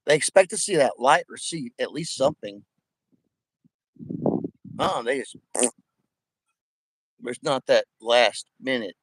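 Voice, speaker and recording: A man's voice: mid-range voice, animated, slow, pauses often, fairly bright tone, slight background noise, rough recording. A man with missing front teeth in a casual, profanity-laden rant, talking in a rambling, emphatic, repetitive way. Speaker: vlogger addressing viewers.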